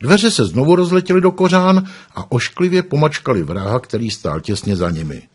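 A man reading an audiobook aloud with expressive storytelling. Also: medium pitch, breathy edge. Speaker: audiobook narrator. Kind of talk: audiobook narration.

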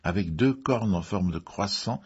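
Low, husky male narrator. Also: animated, a little mellow, lo-fi sound. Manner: measured, with occasional fillers. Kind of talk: audiobook reading.

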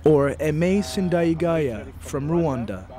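A man giving scripted documentary narration in a measured, even delivery. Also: on the high side.

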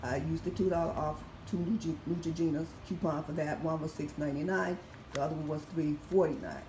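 In a low, raspy voice, a woman in her 50s slowly works through her shopping haul, reading each price off the receipts with methodical care. She's a couponing vlogger recovering from surgery, and the talk is a casual walkthrough. The audio, from a phone camera held over the items, is echoey with faint background noise in a room at home.

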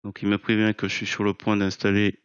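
A man narrating an unscripted software screencast, explaining step by step in a hesitant, halting way. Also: lowish voice, monotone, clean tone, no room sound, muffled recording. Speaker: software tutorial presenter.

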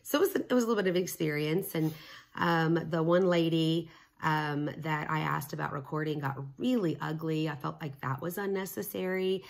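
Low-voiced chatty woman with a cough. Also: normal speed, gravelly. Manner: chatty storyteller, many fillers. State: sick with a cough, short of breath. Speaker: vlog co-host. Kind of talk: casual chat. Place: home.

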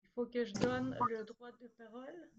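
A woman leads an online meeting, her voice slightly high. She hands the floor to each person with short, brief cues, heard through a dull lo-fi video call. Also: moderate pace, darkish tone. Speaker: meeting moderator.

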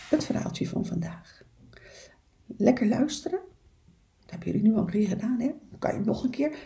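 A woman's voice: mid-range voice, vocal fry, mellow, echoey room. A woman teacher reading a picture book aloud to young children, with chatty asides to her listeners.

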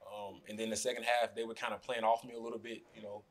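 A young man in his twenties, a basketball player, answers questions at a postgame press conference, speaking fast in a voice on the low side. He talks loosely and relaxed into the podium mics in front of him, filling with "you know" often, in a press room before a sponsor backdrop.

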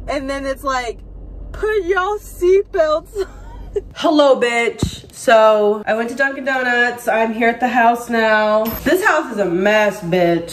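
A woman's voice: sits high, a little hiss or hum. A young woman in her twenties vlogging casually to a handheld phone camera, playful and swearing freely. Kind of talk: casual vlog chat. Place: house rooms and parked car.

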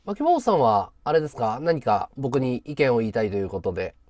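A man's voice: medium pitch, very animated, a little fast, darkish tone, dry recording, clean studio sound. A man in his thirties hosting a livestream, chatting breezily and teasing his callers. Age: 30s. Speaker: livestream host. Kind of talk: casual livestream chat.

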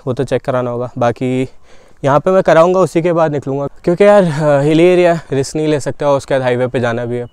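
A man's voice: mid-range voice, a little mellow, smooth, no room sound. A young man talking casually to his camera on a motorcycle trip, thinking aloud as he goes. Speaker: motorcycle vlogger. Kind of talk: casual travel vlog. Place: outdoors on a hill road. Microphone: lapel mic, selfie camera at arm's length. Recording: outdoor noise from traffic. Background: traffic and outdoor ambience.

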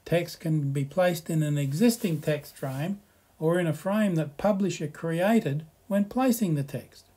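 Man narrating a software slideshow tutorial. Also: a little high, a little slow, slightly rough. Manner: relaxed, explanatory, reads slides aloud with asides.

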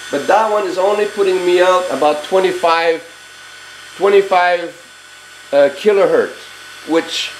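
A man's voice: high-pitched, recorded from a distance, a little hiss or hum. A man who is sick with a virus talks bluntly and emphatically, repeating himself as he demonstrates his inventions. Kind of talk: casual workshop video talk. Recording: roomy sound from off-mic.

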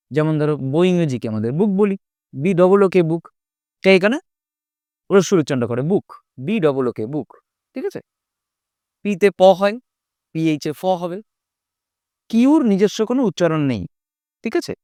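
A man's voice: a little high, animated, moderate pace, pauses often, warm tone, smooth, no room sound, studio quality. A man teaching a spoken language lesson, explaining letter sounds patiently and often checking with the listener. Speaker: English teacher.

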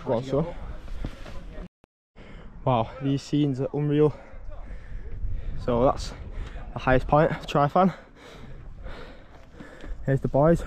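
A man's voice: mid-range voice, fairly even intonation, slow, long pauses. A man with a Northern English accent, chatting casually as he hosts an outdoor hiking vlog. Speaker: vlog host. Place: outdoors on hills and woodland trails.

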